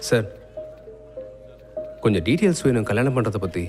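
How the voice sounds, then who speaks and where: A fierce, protective brother. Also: male voice, lowish voice, big pitch swings, normal speed, soft background music. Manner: intense, forceful, threatening. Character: fierce, protective man searching for his sister. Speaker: dubbing actor. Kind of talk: dubbed film acting.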